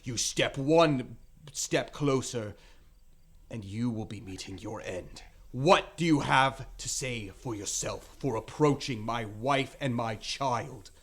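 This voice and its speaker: A man's voice: mid-range voice, very animated, normal speed. Man doing a grim, wary family man. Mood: threatening. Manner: threatening, then guarded. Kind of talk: tabletop game character voice.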